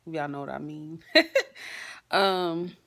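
A woman's voice: deep voice, slow pace, gravelly, fairly bright tone, dry recording. Chatty woman vlogging from her car. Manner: chatty, keeps addressing viewers as y'all. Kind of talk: casual vlog chat. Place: in and around a car on a hot day.

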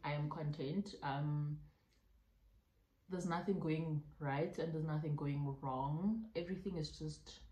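South african girl in her twenties, chatty vlog q&a, lowish voice, echoey room. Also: fairly even intonation, takes it slowly, dark tone. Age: 20s. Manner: chatty, laughing, mixing in local phrases. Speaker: YouTuber. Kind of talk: casual mukbang Q&A chat. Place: indoor room at home.

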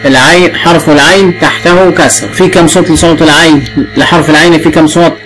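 A man with an Egyptian Arabic accent teaches young children the alphabet, his voice a little high and his tone steady, with music behind him on a rough recording. He draws out the sounds and prompts them patiently, repeating himself.

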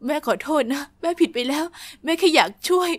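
Woman playing a pushy ambitious mom, kinda high voice, dry close recording. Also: fairly quick, no room sound, natural voice. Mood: pleading. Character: pushy adoptive mother, ambitious and emotional.

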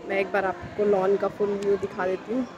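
A woman's voice: mid-range voice, monotone, brisk, dull audio. A young woman vlogging to a phone held at arm's length, chatting directly to viewers and mixing Hindi with English words. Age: young adult. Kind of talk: casual travel vlog to camera. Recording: busy crowd noise behind.

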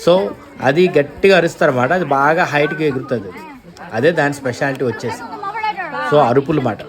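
A man's voice: fairly high pitch, a little fast, crowd noise. A young man with a Telugu accent, chatting directly to viewers as he vlogs an outdoor amusement park on an action camera. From India. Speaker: travel vlogger. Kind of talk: casual vlog narration. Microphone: handheld action camera. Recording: noisy outdoor park ambience.

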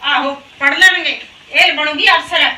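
A woman's voice: high-pitched, steady tone, normal speed. An actress playing a harsh, nagging middle-aged stepmother in a village family drama, scolding and defensive. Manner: scolding, sharp-tongued, defensive. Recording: roomy, distant mic.

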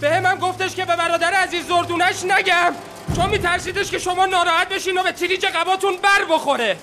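Indignant, loyal factory partner. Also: male voice, extremely high pitch, fairly even intonation, noisy background. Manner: defensive, indignant. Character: loyal, proud factory partner, wounded by suspicion.

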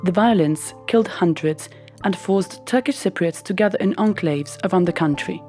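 A woman giving scripted documentary narration in an even, explanatory manner. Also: fairly low pitch, normal speed, faint music behind.

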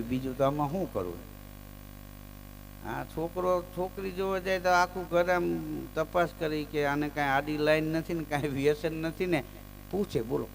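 A man telling folk stories live on stage. He chants verses loudly, then drops into easy chat and lands his punchlines. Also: a little high, slight background noise. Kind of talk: live folk storytelling with recited verse and jokes.

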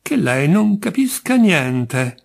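A man's voice: high-pitched, very animated, takes it slowly, creaky, voice pushed up, full character voice. A man doing a bitter, menacing jinx. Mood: insistent. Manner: indignant, menacing, insistent. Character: bitter middle-aged man branded a jinx.

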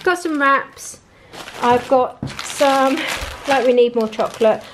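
A woman with a fairly high, chatty voice goes through her shopping item by item, dropping in prices and fillers as she goes. She is recorded on a handheld phone camera at a kitchen table indoors. A faint hiss of noise sits under the speech. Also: slow pace. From England. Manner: chatty, lists items and prices with many ums and likes. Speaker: family vlogger. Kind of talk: casual grocery haul chat.

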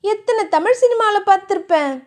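A woman's voice: expressive, moderate pace. A woman voicing an innocent, playful young heroine in a romance audiobook, with a childlike, cheerful way of speaking. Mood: sweet. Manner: childlike, cheerful, high and sing-song.

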